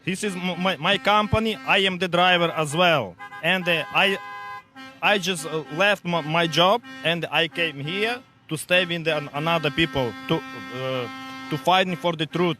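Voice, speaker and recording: A man with a Ukrainian accent, a truck driver answering a street interview outdoors in halting English with many restarts. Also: a little high, sharp tone, faint music behind. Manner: halting non-native English with many repeats.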